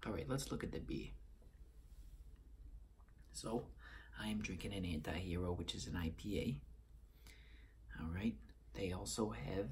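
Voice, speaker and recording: A man's voice: deep voice, a little slow, pauses often, a little mellow, slight background noise. A man in his thirties with a Boston accent, giving a casual beer review and partly reading aloud in a room at home.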